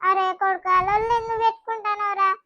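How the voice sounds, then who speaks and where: A woman's voice: extremely high pitch, level tone, fast, pushed and bright, no room sound, highs cut off. A woman voicing a scolding old village mother-in-law with a Telangana accent, nagging in a sing-song way. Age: older.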